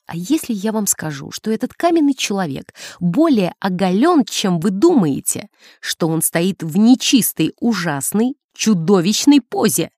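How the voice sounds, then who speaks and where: A woman's voice: mid-range voice, big pitch swings, measured pace, darkish tone, dry recording, studio quality. A woman voicing a pale, agitated nun who pleads urgently and hisses with prim indignation, as in an audiobook. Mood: indignant. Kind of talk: audiobook character voice.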